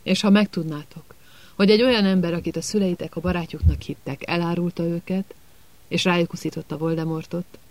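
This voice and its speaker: A man's voice: on the high side, steady tone, darkish tone, dry recording, close to an everyday voice. A man voicing a brooding, stubborn teenage boy in a storybook reading, terse and tense.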